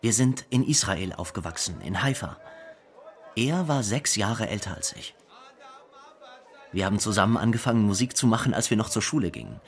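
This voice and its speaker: In a plainly told radio drama monologue, an actor plays a grown younger brother fondly and wistfully recalling his famous late brother. His fairly low voice is expressive with vocal fry, at a normal speed.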